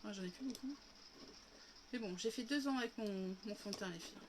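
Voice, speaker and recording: Her pitch is medium and her delivery brisk, with a noisy background behind her. She's a makeup live streamer at home, coughing as she recovers from illness. She casually talks her viewers through each step, addressing them as girls.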